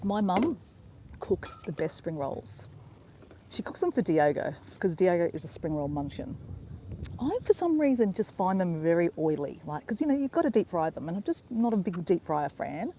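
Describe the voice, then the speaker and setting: An Australian travel vlogger live-streams a walk in a riverside park, casually chatting and calling her viewers "guys" again and again. Her lowish, mellow voice swings widely in pitch at a moderate pace, with a little hiss or hum in the sound.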